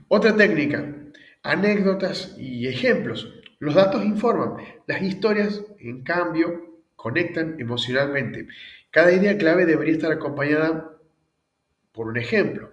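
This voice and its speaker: A man's voice: on the high side, far from the mic. Lecturing man in an echoey room. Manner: frequent checks like "¿bien?" and "¿sí?", lively emphasis. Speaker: public speaking instructor. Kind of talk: recorded lecture.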